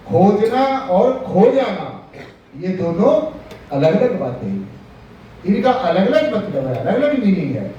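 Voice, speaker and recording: A high-pitched man preaches a devotional sermon in a heavily echoing ashram hall, his tone mellow and dark-edged. He stresses his points by repeating phrases and posing rhetorical questions. He is picked up from a distance, with a dull, lo-fi sound. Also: sing-song, measured pace, a little hiss or hum. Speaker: spiritual teacher.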